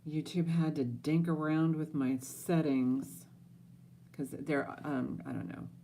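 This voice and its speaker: A woman with a low voice hosts a live online auction at a slow, unhurried pace. She chats casually and directly to her viewers, often thinking aloud. There is some noise and room ambience behind her. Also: fairly even intonation, dark tone.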